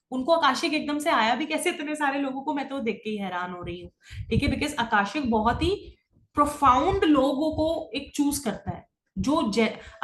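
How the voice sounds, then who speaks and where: A middle-aged woman teaching an online spiritual class, talking fast and often checking that her students follow. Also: a little high, a bit bright, roomy sound, slight background noise. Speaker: Akashic records teacher. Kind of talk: online class lecture, Hindi-English mix.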